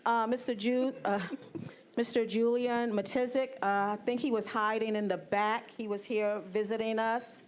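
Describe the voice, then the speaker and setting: A woman's voice: a little high, steady tone, a little slow. A woman on the city council speaking informally, stumbling over her words and apologizing. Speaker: council member. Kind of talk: informal remarks at a council meeting.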